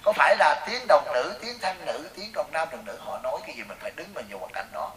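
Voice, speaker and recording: A man with a Southern Vietnamese accent, giving a Buddhist sermon as a teacher and telling lively stories that question the audience. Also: on the high side, brisk. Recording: echoey room, voice from far off, faint hiss.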